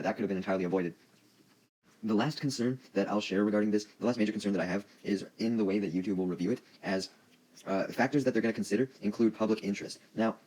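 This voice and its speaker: A man with a low-pitched, slightly mellow voice talks quickly, giving casual, opinionated news commentary like an online host. His language is informal and peppered with swearing, and the recording is rough.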